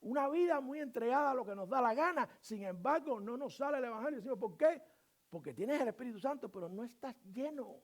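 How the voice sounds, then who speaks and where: A male pastor preaching a sermon, firing off rhetorical questions and swinging between loud emphasis and quiet asides, now and then acting out short voices of church members. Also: extremely high pitch, animated, fairly quick.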